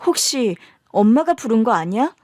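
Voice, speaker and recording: A woman voicing a stunned young daughter who speaks slowly and quietly in disbelief in a radio drama. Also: fairly high pitch, sing-song, no room sound, studio quality.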